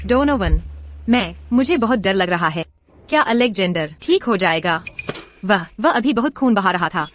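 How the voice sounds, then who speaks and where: A woman's voice: mid-range voice, animated, moderate pace, close to an everyday voice. A woman dubbing a young wife in a drama, speaking earnestly and emotionally over faint music. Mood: anxious. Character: young wife torn over her husband. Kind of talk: dubbed drama acting.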